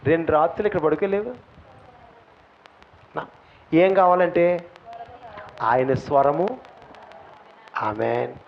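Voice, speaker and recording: A male pastor preaching a sermon in a church, impassioned, swinging between shouting and soft asides. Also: fairly high pitch, takes it slowly, gravelly, long pauses. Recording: dull lo-fi recording, faint room noise.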